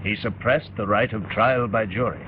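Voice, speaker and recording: An actor playing an embittered, theatrical conspirator in an early talkie film, declaiming like an orator with dramatic pauses. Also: male voice, on the low side, fairly even intonation, close to an everyday voice. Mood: bitter, declamatory. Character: embittered, theatrical conspirator railing against a tyrant. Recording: tinny, noisy early sound film track.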